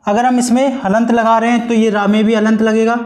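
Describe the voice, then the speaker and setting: A man's voice: very high-pitched, level tone, a little fast, a little mellow, echoey room. A man teaching a grammar lesson, patiently repeating and drawing out syllables to show how they are pronounced. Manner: patient, repeats and stretches out syllables to demonstrate pronunciation. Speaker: Hindi teacher. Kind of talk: blackboard-style grammar lesson.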